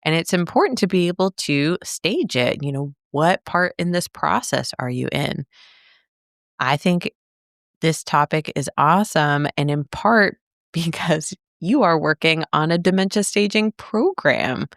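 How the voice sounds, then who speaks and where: Chatty young woman podcast co-host, lowish voice. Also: unhurried, gravelly, no echo, clean studio sound. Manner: animated, playful, jumps into high silly voices for quotes. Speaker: podcast co-host, speech therapist. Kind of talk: casual podcast chat. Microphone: studio microphone.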